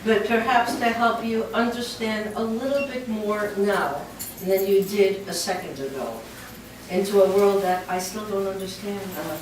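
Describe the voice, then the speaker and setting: A woman's voice: medium pitch, moderate pace. A woman introducing her mother to an audience, emotional and joking by turns. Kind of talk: introduction speech. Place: large room. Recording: echoey hall from far off, with noise.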